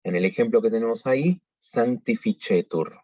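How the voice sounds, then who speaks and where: A man teaching pronunciation in a measured, explanatory way, pausing often to think. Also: fairly low pitch, darkish tone, dry recording. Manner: measured, explanatory, with frequent hesitations. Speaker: liturgical singing workshop teacher. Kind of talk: pronunciation tutorial. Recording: dull lo-fi recording.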